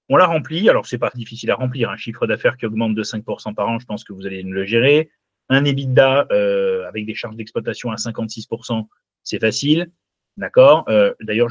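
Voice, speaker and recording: The clip features a man of medium pitch with a breathy edge, recorded lo-fi with no echo. He teaches finance in a live online class, walking through a spreadsheet and lively checking in with "d'accord?" over and over to see if students are following.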